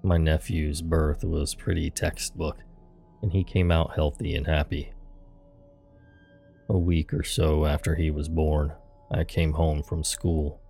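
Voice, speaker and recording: A man hosting a podcast, narrating a scary true story in a steady, hushed way. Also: very deep voice, takes it slowly, gravelly. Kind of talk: scripted horror story narration. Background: soft music.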